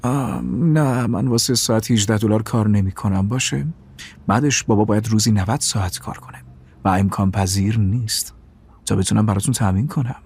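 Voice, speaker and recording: A man dubbing a film role: a broke former footballer and father, defensive and prickly, with a husky voice. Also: on the low side, darkish tone. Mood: strained. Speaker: father arguing with his wife. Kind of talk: dubbed film dialogue.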